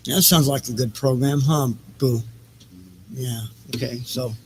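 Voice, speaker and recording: The man hosting this livestreamed reading and music show chats casually and off the cuff, rambling, thinking aloud and repeating phrases. He has a medium pitch and a measured pace.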